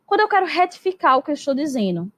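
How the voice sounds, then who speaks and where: A woman's voice: high voice, big pitch swings, rapid-fire, fairly bright tone, no room sound. A woman teacher explaining grammar in a recorded lesson, speaking patiently and constantly checking in with "né?" and "tá?". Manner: explanatory, peppers speech with "né?" and "tá?"; acts out example sentences in a lifted voice.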